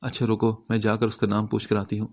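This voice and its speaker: Male narrator doing a hurried, quick-witted young woman, gravelly voice. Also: on the low side, monotone. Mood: flustered.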